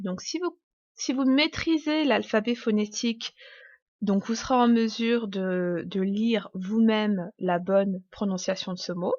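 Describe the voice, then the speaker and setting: A woman's voice: medium pitch, no echo, muffled recording. A woman giving an online English lesson, explaining step by step with frequent fillers and restarts. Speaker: English teacher.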